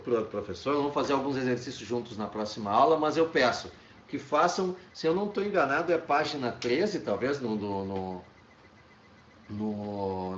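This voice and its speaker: Brazilian male teacher, mid pitch, stop-start classroom explaining, muffled lo-fi recording. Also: distant mic, slight background noise. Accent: Brazilian Portuguese. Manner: explains with many "tá?" checks and restarts. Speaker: Spanish teacher. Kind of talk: online class lecture. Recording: echoey room, dull lo-fi sound.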